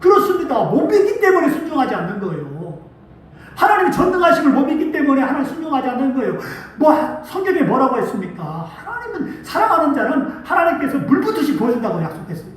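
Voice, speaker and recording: A man pastor preaching a sermon, acting out quotes with lively feeling. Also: very high-pitched, fast talker. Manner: preaching with animated acted-out quotes. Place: church sanctuary. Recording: echoey church hall, mic at a distance.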